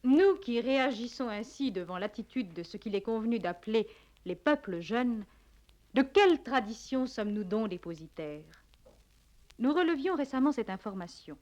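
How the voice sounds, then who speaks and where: A woman's voice: fairly high pitch, lively intonation, normal speed, a little mellow. A woman presenting a radio programme in formal scripted narration, on worn 1950s tape.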